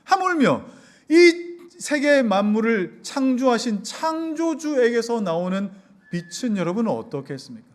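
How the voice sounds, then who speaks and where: A male pastor giving an expository sermon, asking the congregation rhetorical questions as he goes. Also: very high-pitched. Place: church hall in a basement.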